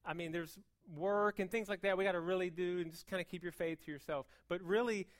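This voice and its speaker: An American woman preaching an informal sermon, talking fast in an emphatic, conversational way with repeated words and rhetorical questions. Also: fairly low pitch, fairly even intonation.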